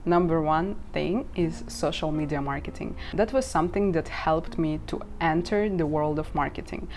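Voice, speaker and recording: A Ukrainian vlogger in her twenties, a native Russian speaker, talks candidly to camera about earning money online, laughing at herself now and then. Her voice is low and darkish, at a moderate pace, with guitar music playing behind her.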